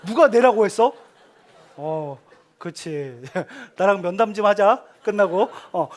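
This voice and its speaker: A male pastor giving a sermon to a youth congregation, telling stories in an animated way and often dropping to a hushed, tender voice. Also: high voice. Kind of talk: sermon to teenagers.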